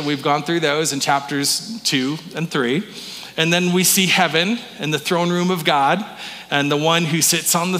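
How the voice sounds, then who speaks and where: A man's voice: fairly high pitch, in a large hall. A man pastor giving a conversational sermon, often restarting his words with stammers. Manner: warm conversational preaching with frequent stammered restarts. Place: church sanctuary.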